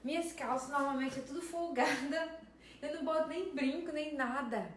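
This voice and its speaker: A woman near fifty with a Brazilian Portuguese accent tells her viewers a story. She speaks emphatically in a slightly high voice and keeps turning to address them directly. The room is echoey, with faint ambient noise behind her. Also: normal speed. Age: around 50. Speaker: vlogger.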